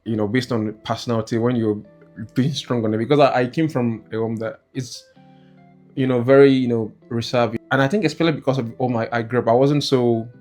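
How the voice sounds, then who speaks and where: A young man raised in Nigeria talks casually with his wife about married life, pausing often with "you know". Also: mid-range voice, steady tone. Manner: hesitant, many "you know" fillers. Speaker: co-host, husband. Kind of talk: casual couple chat. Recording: soft guitar music behind.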